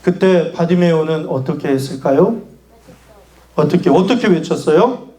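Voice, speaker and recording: Brief: high-pitched male pastor, animated kids' sermon, echoey church hall. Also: moderate pace. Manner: animated storytelling, asking children questions. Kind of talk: children's sermon.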